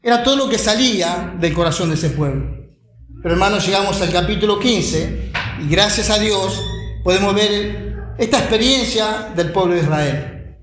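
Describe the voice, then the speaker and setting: A man preaching a sermon and reading scripture aloud, slow and deliberate, repeating words for emphasis. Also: sits high, lively intonation, fairly bright tone, faint music behind. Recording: echoey room.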